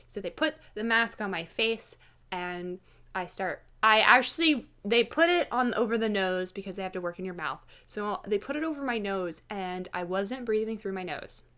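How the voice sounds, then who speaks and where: A woman telling a personal story in a casual vlog style, with an animated manner that slips into acting out dialogue. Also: mid-range voice, normal speed. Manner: animated, acts out quoted dialogue. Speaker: vlogger.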